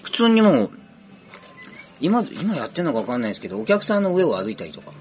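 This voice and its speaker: A man co-hosting a casual chat show, quick and animated, sometimes laughing. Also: a little high, lo-fi sound, slight background noise. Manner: animated, quick, laughs and jumps into loud impressions. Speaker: podcast co-host.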